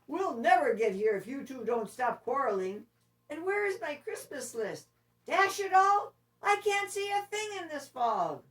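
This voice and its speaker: Storybook Santa, performed by a woman: old, jolly, commanding, big swings in pitch, raised delivery, recorded at a distance. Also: very animated, unhurried, a bit bright, exaggerated voice. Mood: cross, exasperated. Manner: booming ho-ho-ho, emphatic exclamations. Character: jolly old Santa Claus, hearty, commanding, sometimes cross. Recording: distant microphone.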